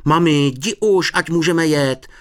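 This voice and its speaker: A man's voice: mid-range voice, sing-song, fairly bright tone, dry recording, clean studio sound, pitched above the performer's own voice. A man voicing an eager, stubborn little boy in a storybook reading, boastful and insistent.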